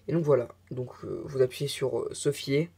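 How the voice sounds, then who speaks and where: A man's voice: mid-range voice, steady tone, normal speed, creaky, mellow, husky. A man narrating a casual tech tutorial, talking hesitantly with many filler sounds and chatty asides.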